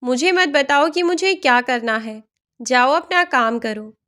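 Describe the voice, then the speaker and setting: A woman's voice: high voice, unhurried, bright, forceful tone. A woman voicing a scornful young daughter-in-law in a storybook tale, speaking in a rude, scolding way.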